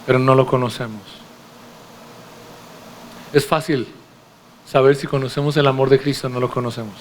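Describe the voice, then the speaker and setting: A man's voice: medium pitch, steady tone, normal speed, slight background noise. A man preaching a sermon to his congregation in a church, emphatic, with rhetorical questions and direct address. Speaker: pastor.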